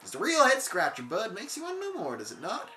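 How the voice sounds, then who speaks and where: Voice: medium pitch, wildly swooping pitch, fast, sharp tone, echoey room, a little hiss or hum, pitched above the performer's own voice. Gorko, a player putting on a surfer-drawl rock creature. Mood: laid-back. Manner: laid-back surfer drawl with a hillbilly twang; calls the listener "bud". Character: excitable male rock creature who talks like a surfer.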